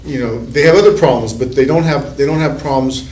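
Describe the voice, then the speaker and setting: A man's voice: medium pitch, fairly quick, a little mellow. Man lecturing in an echoey classroom. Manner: rambling, conversational, with restarts and repeated words. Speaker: university psychology professor. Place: university classroom. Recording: echoey classroom, recorded from a distance, faint room hiss.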